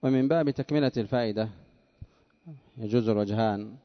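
A male scholar teaching a classical text, reading passages aloud, explaining grammar in a measured way and questioning his students. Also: fairly low pitch, muffled recording.

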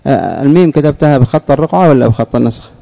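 A man teaching a classroom grammar lesson, speaking slowly, repeating words and quizzing his students. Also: medium pitch, animated, gravelly, dark tone, muffled recording.

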